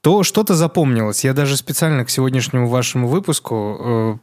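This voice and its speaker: A man's voice: mid-range voice, brisk, darkish tone, no echo, studio quality. Male podcast guest, mid-range voice, loose slangy chat with hesitant phrasing.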